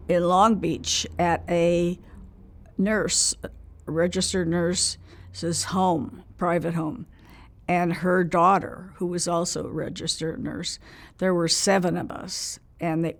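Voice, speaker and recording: A very old woman in her nineties reminiscing in a casual interview, speaking haltingly in short phrases with pauses mid-sentence. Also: on the low side. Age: 90s. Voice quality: very old woman's gravelly, creaky voice.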